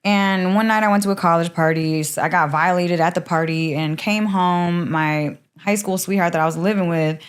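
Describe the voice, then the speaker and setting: Michigan woman on a podcast, kinda low voice, blunt and chatty, says like a lot. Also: steady tone, normal speed, few pauses, clear, resonant tone. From Michigan, USA. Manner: frank, chatty, heavy use of "like". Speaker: podcast guest. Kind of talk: candid interview storytelling.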